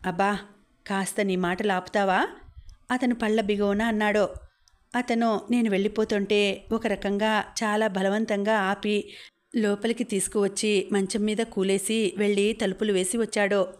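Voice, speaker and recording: A woman reading a novel aloud as an audiobook, narrating in the first person with a flat, even delivery. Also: mid-range voice, moderate pace.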